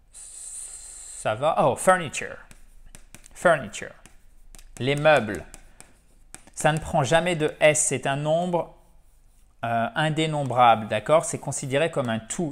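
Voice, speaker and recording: A man who speaks natively, teaching English in a lively, chatty way and drilling words over and over. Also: medium pitch. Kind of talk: French-language English lesson.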